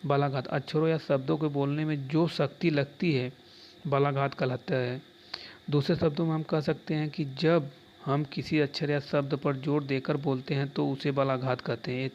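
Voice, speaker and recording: A man leads an exam-prep lesson, walking through answers one step at a time and repeating each term. His delivery stays flat and even. The recording sounds slightly dull, with a faint hiss behind him. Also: mid-range voice, moderate pace. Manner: explains step by step, repeats terms, keeps saying "dekhiye". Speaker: teacher.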